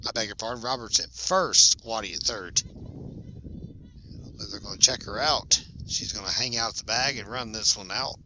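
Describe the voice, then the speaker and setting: A man calling a high school softball game play-by-play, chatty and quick to correct himself. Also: dull audio, a little hiss or hum. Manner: chatty, self-correcting, laughs at big plays. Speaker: play-by-play announcer. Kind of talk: sports commentary.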